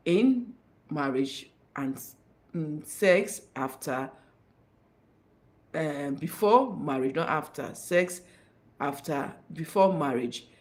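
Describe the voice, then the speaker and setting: A woman giving relationship advice as a life coach on a livestream, talking in an animated, emphatic way and repeating her key points. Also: low voice. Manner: animated, dramatizing, emphatic repetition.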